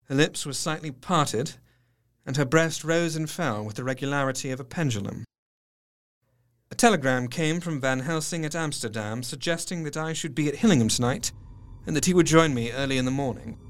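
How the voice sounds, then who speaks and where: An actor playing an earnest, observant male doctor narrating his diary in an audio drama, articulate and measured. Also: fairly high pitch, lightly acted. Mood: weary, watchful. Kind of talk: scripted first-person narration, audio drama.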